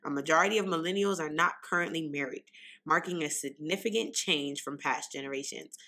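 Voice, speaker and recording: A young woman with a New York accent, hosting a podcast in a loud, unfiltered, casual way that speaks straight to listeners. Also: low-pitched, brisk. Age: young adult. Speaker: podcast host.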